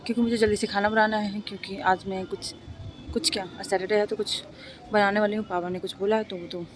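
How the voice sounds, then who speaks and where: A woman's voice: medium pitch, little pitch movement, quick pace, slight background noise, rough recording. A young woman chatting to her viewers in a casual home vlog, filmed on a phone. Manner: chatty, talks straight to viewers. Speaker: vlogger. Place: home and rooftop, indoors and out.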